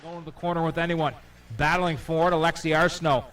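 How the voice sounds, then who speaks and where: A man calling hockey play-by-play at a steady clip that lifts on saves. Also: on the high side, fast. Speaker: play-by-play announcer.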